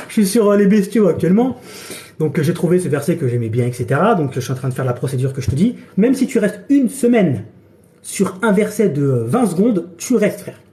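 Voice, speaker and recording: Guy with a high but mellow voice, chill live chat, keeps saying brother. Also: fairly quick, slight background noise. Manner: relaxed, addresses viewers as brother. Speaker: TikTok live streamer. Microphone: phone.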